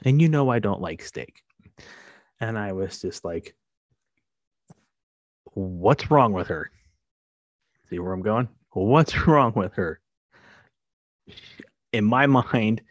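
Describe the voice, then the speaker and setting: A middle-aged man talks through a casual podcast monologue, wandering and filler-heavy. His voice sits fairly low. The recording is dry and close, with no room sound. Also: no echo. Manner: rambling, conversational with many fillers. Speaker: podcast host.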